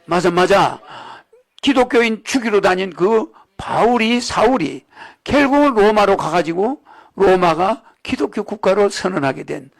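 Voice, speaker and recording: A man's voice: high voice, animated, unhurried, gravelly. A man giving a rambling sermon-style religious lecture, often checking in with the audience with "you know what I mean?". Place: lecture hall.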